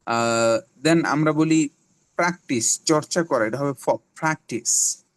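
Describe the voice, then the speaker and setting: A middle-aged Bangladeshi man teaching spoken English in an online class, giving slow, drawn-out English examples between explanations. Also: fairly high pitch, clear, resonant tone, dry recording.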